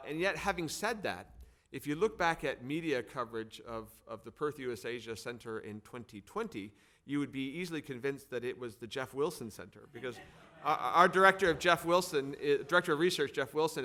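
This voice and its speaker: The host here is a middle-aged American from Arizona who runs a think tank, and his medium-pitched voice sounds pushed and bright. He introduces speakers in a semi-formal, partly spontaneous manner, repeating words to stress them.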